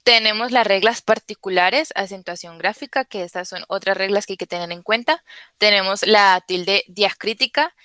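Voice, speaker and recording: Young woman doing a class talk on a video call, lots of "eh", bright clear voice. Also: medium pitch, moderate pace, dry recording. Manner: hesitant, many "eh" fillers. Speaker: student presenter. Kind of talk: class presentation.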